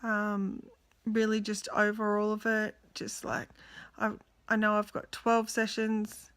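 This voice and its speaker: A woman's voice: mid-range voice, monotone, slow, fairly bright tone, clean tone. Woman, young adult, video diary; tired, candid, rambling delivery, worn out and close to tears. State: exhausted and emotional. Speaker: vlogger. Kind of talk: casual personal video diary.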